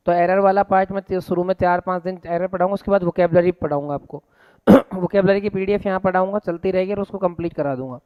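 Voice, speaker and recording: Indian-accented male teacher, classroom lecture, smooth voice, slightly dull lo-fi sound, quizzing students. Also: high-pitched. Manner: drills students with repeated questions; mixes Hindi and English. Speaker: English teacher.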